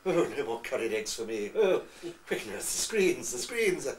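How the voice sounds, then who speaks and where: A man's voice: medium pitch, sing-song, normal speed, a little hiss or hum, pitched above the performer's own voice, natural voice. A man voicing a silly, wailing man from an old radio comedy, over the top. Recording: echoey room, far from mic.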